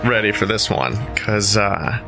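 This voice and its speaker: A man's voice: lowish voice, lively intonation, a little slow, creaky. A man playing a tabletop role-playing game, casually describing his moves, with music behind him. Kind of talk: casual play and action narration.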